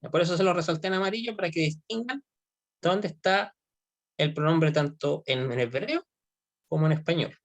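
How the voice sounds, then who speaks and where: A man's voice: a little high, moderate pace. Man, Hebrew teacher, online class, patient explaining, checks in with students often.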